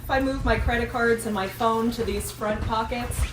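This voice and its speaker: A woman's voice: fairly high pitch, fairly even intonation, normal speed. Woman demonstrating a bag in a store. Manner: practical, explaining step by step. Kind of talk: live product demonstration. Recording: echoey room, distant mic, clear background noise.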